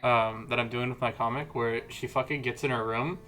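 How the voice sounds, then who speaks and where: A man chatting casually with friends on a voice call through wireless earbuds, excitable and laughing, swearing often. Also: medium pitch, fairly quick. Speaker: streamer co-reading a webcomic. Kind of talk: casual group chat on a voice call.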